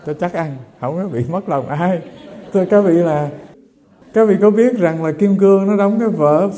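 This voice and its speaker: Bright-voiced monk telling funny stories. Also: male voice, sits high, normal speed. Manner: storytelling, humorous, acts out quoted voices. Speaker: Buddhist monk. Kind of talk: sermon.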